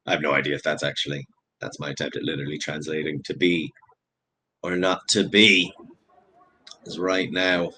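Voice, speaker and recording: A man's voice: rumbling low, level tone, moderate pace, pauses often, pushed and bright, slight background noise, poor audio. A man giving live play-by-play commentary, chatty and analytical, with self-deprecating asides. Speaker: sports commentator.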